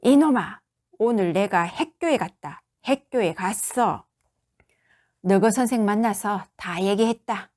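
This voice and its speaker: A woman voicing a loud, drunk one-armed middle-aged father who scolds in a Gyeongsang accent. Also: medium pitch, normal speed, natural voice. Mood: drunken scolding. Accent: Gyeongsang dialect. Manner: shouting, slurred scolding.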